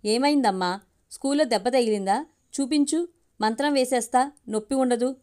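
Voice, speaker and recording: A woman voicing a caring grandmother in a told story, gentle and soothing. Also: a little high, moderate pace, clean tone, natural voice.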